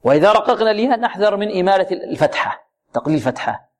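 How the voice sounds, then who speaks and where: A man teaching Quran recitation rules, drawing out words slowly and repeating syllables, asking and answering his own questions. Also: high-pitched, big pitch swings. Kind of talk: tajweed lesson with recited examples.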